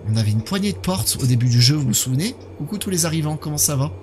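A man's voice: a little high, lively intonation, fast, a little mellow, slight background noise. A man in his thirties giving casual live commentary on a horror game while chatting with his viewers. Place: indoor gaming setup.

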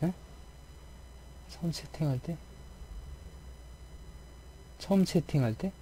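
A man's voice: a little high, slow pace, dark tone, slight background noise. A man from the Gyeonggi region of South Korea, chatting casually with his live viewers as a game streamer, throat a bit tired, playfully mimicking how other people talk.

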